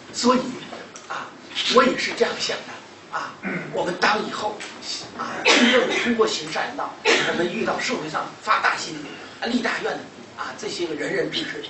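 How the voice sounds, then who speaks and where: Lively Shandong-accented lecturer, echoey hall. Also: medium pitch. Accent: Shandong Mandarin. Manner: animated storytelling, acting out conversations, laughing often. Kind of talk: storytelling lecture. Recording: echoey, distant, noisy room recording.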